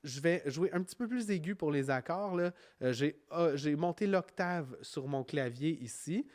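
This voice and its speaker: A man with a Quebec French accent narrating an informal software tutorial, explaining step by step in a conversational way. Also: on the high side, lively intonation, normal speed. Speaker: music software instructor.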